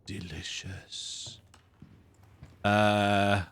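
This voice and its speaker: Low-pitched and level in tone, he draws out his words, with a fairly bright sound and slight background noise. The man is a gaming video host with a slight cold, doing casual let's-play commentary on a horror game, chatty and self-deprecating, in a dark room at home with the lights off.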